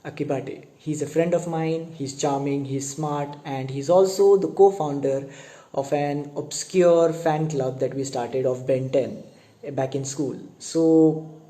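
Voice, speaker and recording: A young male host with a slightly high voice chats with an old school friend over a video call. He laughs often, hesitates and stumbles over repeated words as he asks his questions. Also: steady tone, slow pace, warm tone, poor audio. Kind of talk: casual video-call interview.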